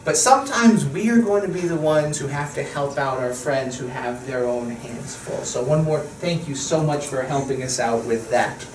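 A man presents like a kids' party magician, playful and teasing as he coaxes helpers along. He is recorded from a distance in an echoey classroom, with clear background noise. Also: medium pitch, moderate pace, hardly any pauses. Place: school classroom. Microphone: distant camera. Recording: echoey, distant, noisy room.

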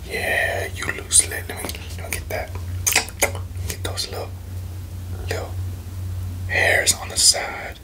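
A young man doing a playful, teasing whispered role-play for ASMR, breathy and close to the mic, with tingly wet mouth sounds. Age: young adult. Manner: playful, teasing, slow murmured repetitions. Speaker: ASMR video creator. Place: small bedroom, indoors. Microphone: close desk microphone in front of him.

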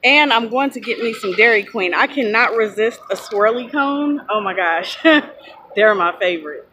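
A truck driver in her thirties chats to her phone camera, held at arm's length, out in a parking lot. She rambles and loses her train of thought, her mid-range voice expressive and sharp in tone at a moderate pace. Slight background noise can be heard.

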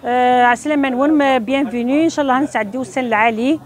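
A woman in her fifties from Tizi Ouzou introduces herself as a craft exhibitor, pausing often with fillers, at an outdoor fair stand. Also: high voice, steady tone. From Tizi Ouzou, Algeria. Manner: hesitant, many fillers.

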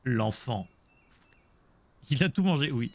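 A man's voice: fairly high pitch, expressive, moderate pace, a bit bright, dry recording. A man streaming a Let's Play, chatting casually about the game and joking with his viewers. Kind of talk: casual gameplay commentary.

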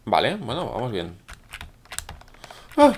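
Hoarse, excitable gamer man. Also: mid-range voice, slow pace, slight background noise. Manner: excitable, chatty, talks to viewers. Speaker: gaming YouTuber. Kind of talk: live gameplay commentary.

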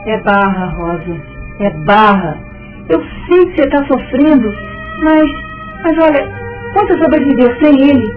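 High-voiced blunt Brazilian woman, old radio show. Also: big pitch swings, unhurried. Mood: blunt consoling. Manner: frank, emphatic. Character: Tereza, blunt, practical female friend of a widow. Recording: dull old radio recording, music behind.

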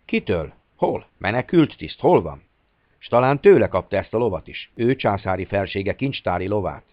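A hawk-faced Italian secretary who hectors and accuses with sneering fury, as a man reads him aloud. He sits on a low register, and the dry, slightly dull recording keeps him close. The tone is an audiobook's. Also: sing-song, no echo. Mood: angry.

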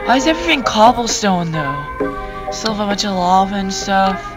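In a homemade Minecraft roleplay, a young-sounding voice actor delivers informal, exclamatory dialogue full of repetition. The voice sits in the mid range, very animated and moderately paced, with music in the background.

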